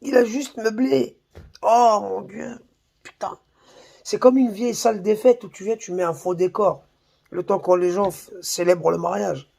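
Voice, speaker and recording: A man's voice: high-pitched, steady tone, normal speed, vocal fry, warm tone. A man on his own channel in a heated, mocking rant full of slang and swearing. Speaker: YouTuber. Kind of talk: heated insulting rant to camera.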